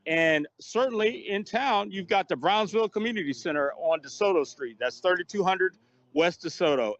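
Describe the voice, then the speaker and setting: A man's voice: on the high side, a bit bright. A man giving a methodical announcement and listing details one after another. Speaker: community speaker. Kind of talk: informational announcement. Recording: dry, dull lo-fi sound.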